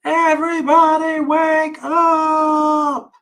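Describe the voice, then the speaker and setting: A man voicing a cheerful little girl who yells to wake everyone up, stretching out her high, loud call. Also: expressive, moderate pace, far from the mic. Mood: yelling gleefully.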